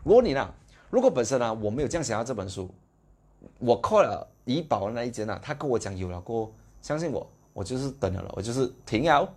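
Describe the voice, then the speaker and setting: Man, young adult, Malaysian accent, fairly low voice, rapid delivery, animated exclamatory storytelling, motivational live video host. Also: gravelly, husky.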